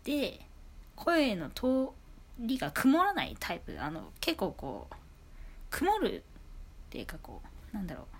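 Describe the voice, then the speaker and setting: A woman hosting a casual solo podcast, chatty and rambling with many asides, her high, clear voice carrying well, recorded on a phone set on a low table at home. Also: slight background noise. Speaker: podcast host. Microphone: iPhone on a low table.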